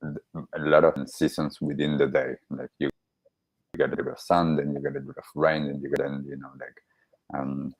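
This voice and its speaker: Very deep, flat-voiced Argentine-born man. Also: dry recording. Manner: halting, with many restarts and fillers. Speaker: podcast guest, wellbeing coach. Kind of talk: casual interview talk.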